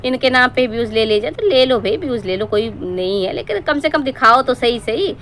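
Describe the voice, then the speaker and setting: A woman from Himachal Pradesh with a fairly high voice delivers a sarcastic, lecturing roast to camera. She scolds her target in a steady stream of reaction commentary. A faint ambient hum sits behind her. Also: fairly quick.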